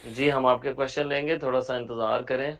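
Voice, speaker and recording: A man teaching a Braille class online, slowly spelling out each word letter by letter, patient and repeating his examples. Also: medium pitch, fairly even intonation, vocal fry. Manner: spells out words letter by letter, slow and deliberate.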